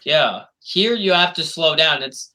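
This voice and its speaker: A man co-hosts a casual racing podcast, cutting in with quick agreements and counterpoints. His voice is bright, forceful and tense, pitched a little high. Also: lively intonation, poor audio. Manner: quick interjections, agreeing and arguing. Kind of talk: casual motorsport podcast chat.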